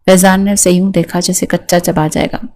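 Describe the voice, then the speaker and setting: Woman narrating a romance novel, mellow. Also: on the low side. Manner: steady storytelling, voicing each character in turn. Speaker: audiobook narrator.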